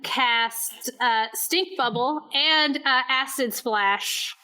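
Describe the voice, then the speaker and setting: A woman's voice: high voice, drawn-out words, sharp tone, clean tone. A woman playing in a tabletop game, chatty and a little unsure, often asking about the rules. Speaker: player. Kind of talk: casual tabletop play.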